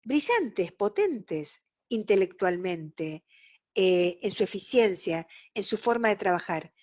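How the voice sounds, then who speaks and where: A woman's voice: medium pitch, very animated, takes it slowly, a little mellow. A woman with a Rioplatense Spanish accent, giving an explanatory online lecture over a video call and acting out quoted exchanges. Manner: explanatory, acts out quoted dialogue.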